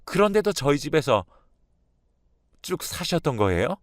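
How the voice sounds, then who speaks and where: A man plays a middle-aged wife at the end of her patience, voice pushed up high and loud as she confronts her mother-in-law. The lines rise and fall with feeling. It is a radio drama with a close, dry sound. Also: sing-song, moderate pace, no room sound. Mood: indignant. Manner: indignant, pleading, raised voice.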